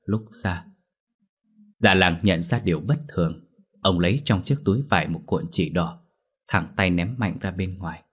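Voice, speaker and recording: A man narrating a horror story in a steady, dramatic reading voice. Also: low voice, husky.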